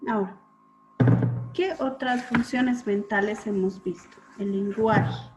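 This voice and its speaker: A woman lecturing students on clinical topics, explaining step by step and often checking in with a quick question. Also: medium pitch, over music. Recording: dull lo-fi recording with faint hum.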